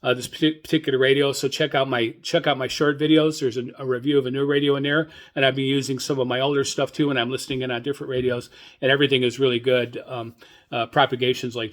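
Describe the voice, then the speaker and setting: A mid-range male voice carries a casual solo radio broadcast about a hobby. He's enthusiastic but halting and rambling, repeating words often.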